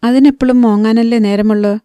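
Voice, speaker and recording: A woman voicing a sharp-tongued young woman in an audiobook, mocking and curt. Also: fairly high pitch, steady tone, a little fast, clean tone, no room sound, lightly acted.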